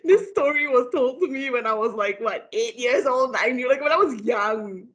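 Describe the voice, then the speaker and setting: A woman's voice: fairly high pitch, moderate pace, muffled recording. Woman, Malaysian English accent, guest lecturer, chatty podcast storytelling, many fillers, giggly.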